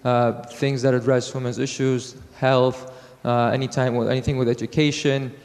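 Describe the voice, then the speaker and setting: A man from Iraq giving a technical conference talk, halting with fillers and restarts. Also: medium pitch, level tone, a little mellow. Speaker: conference speaker. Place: conference hall. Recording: hall with long reverb.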